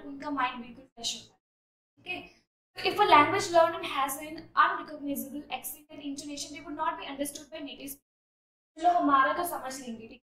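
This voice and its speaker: Indian lady teacher going through an essay line by line, highish voice, kinda roomy and off-mic. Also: fairly bright tone, far from the mic. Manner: explains step by step, reads sample sentences slowly. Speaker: IELTS writing teacher. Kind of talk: lecture mixing Hindi and English.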